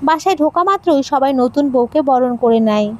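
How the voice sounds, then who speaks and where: A woman narrating an emotional audio story in a plain, steady storytelling manner. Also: sits high, moderate pace.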